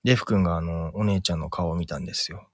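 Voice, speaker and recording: A man telling an invented ghost story on a podcast, slow and suspenseful, with dramatic pauses and many fillers. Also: low-pitched, breathy edge, dry recording, studio quality. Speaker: podcast co-host.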